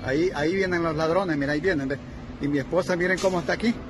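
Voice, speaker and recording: A man, a street vendor, agitatedly shouting and pointing things out outdoors on a street. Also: fairly high pitch, fast talker. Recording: noisy street clip, traffic behind.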